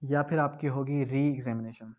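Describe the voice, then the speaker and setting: Speaking at medium pitch with fairly even intonation and a moderate pace, a law tutor runs an exam-prep lecture. Rhetorical questions and repetition of key points carry his explanations, heard through a dull, lo-fi recording.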